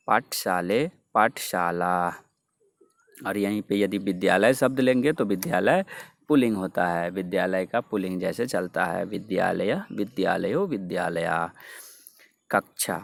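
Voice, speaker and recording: A man's voice: deep voice, vocal fry, fairly bright tone. A male teacher explaining grammar and reciting word forms for students to repeat. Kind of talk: Sanskrit grammar lesson with drills.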